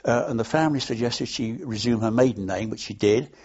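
In a muffled recording, an older man from London, England, reminisces for an oral history interview in an unscripted, anecdotal ramble full of hesitations. His voice is mid-range and brisk, slightly mellow with a breathy edge.

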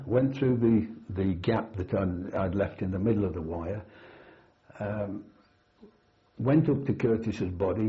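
An older British man, a former soldier, remembers his war service in a measured, matter-of-fact interview manner with dry understatement. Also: lowish voice. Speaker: army veteran, former platoon sergeant. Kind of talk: old veteran remembering, oral history interview. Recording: dull, lo-fi interview recording.

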